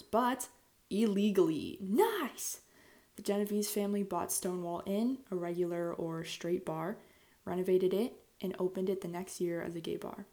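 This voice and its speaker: A woman's voice: lowish voice, mellow. A woman hosting a podcast, narrating history in a conversational, semi-scripted way with informal asides, recorded in a bathroom on an earphone mic. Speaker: podcast host. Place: small bathroom, indoors. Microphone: earphone headset microphone.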